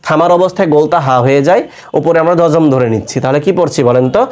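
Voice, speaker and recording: A man's voice: on the high side, rapid-fire, a little mellow. Man teaching Quran recitation. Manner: asks the listener questions and answers them himself. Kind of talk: step-by-step recitation lesson.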